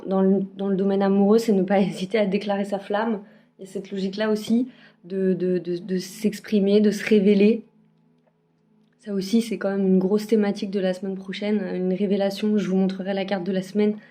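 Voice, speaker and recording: Woman card reader, casual forecast, halting with fillers, mellow tone, phone-recorded. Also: medium pitch. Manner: hesitant, many fillers and restarts. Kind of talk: casual weekly energy forecast. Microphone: phone camera.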